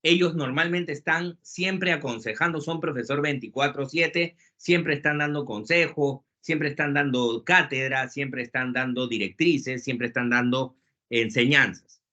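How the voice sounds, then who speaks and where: A man giving a webinar talk on leadership, lively and joking, acting out quotes along the way. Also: medium pitch, unhurried. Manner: lively, jokey lecturing with acted quotes. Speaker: webinar speaker. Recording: muffled lo-fi webinar audio.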